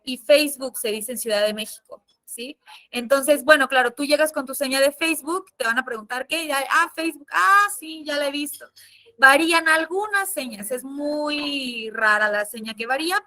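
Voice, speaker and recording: Mexican lady interpreter teaching a class, high voice, lively, lots of fillers. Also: moderate pace. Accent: Mexican Spanish. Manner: lively, expressive, chatty with fillers. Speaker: sign language interpreter and teacher. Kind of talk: casual classroom lesson.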